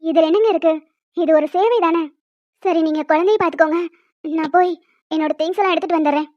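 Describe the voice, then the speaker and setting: A calm, motherly cartoon nurse as a woman voices her, speaking in a very high, squeaky-bright voice and explaining things in a steady, reassuring way. The recording is dry and muffled, and it sounds lo-fi. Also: fast talker, no room sound. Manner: reassuring, instructive. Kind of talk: amateur animated drama. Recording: dry, slightly dull lo-fi.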